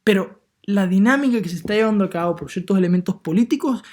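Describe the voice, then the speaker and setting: A man's voice: high voice, quick pace, darkish tone. A man from Puerto Rico with a Puerto Rican Spanish accent, giving an earnest opinion monologue full of hesitations and filler sounds. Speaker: political commentator.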